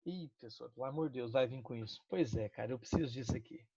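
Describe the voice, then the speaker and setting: A man from Brazil teaching a literature lesson, talking straight to his students with slang and quick asides. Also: medium pitch, gravelly, mellow, slightly rough, no echo, dull audio. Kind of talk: recorded online lesson.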